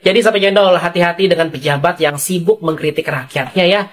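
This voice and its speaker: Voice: medium pitch, fast, a little hiss or hum. A narrator reading scripted gossip news commentary, rhetorical and addressing viewers directly.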